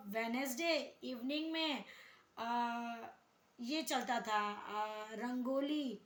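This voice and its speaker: A woman in her thirties casually telling a lively story from her childhood. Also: high-pitched. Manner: lively, animated retelling of childhood memories. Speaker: vlogger. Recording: echoey room with faint noise.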